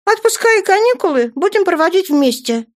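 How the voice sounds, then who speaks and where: A woman voicing a blunt, fiery teenage girl with a high, insistent voice. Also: very animated, a little fast.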